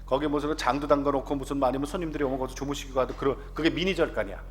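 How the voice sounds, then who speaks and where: A man in his fifties, an announcer, giving a lively testimony to a congregation and often asking the audience questions. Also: medium pitch, racing, a little hiss or hum.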